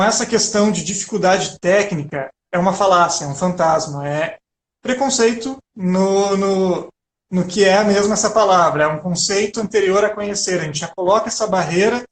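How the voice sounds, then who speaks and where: A man's voice: high-pitched, normal speed. A man with a Brazilian Portuguese accent, co-hosting a video-call chat and speaking reflectively and earnestly about sacred music. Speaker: co-host, liturgical music educator. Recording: roomy video call audio.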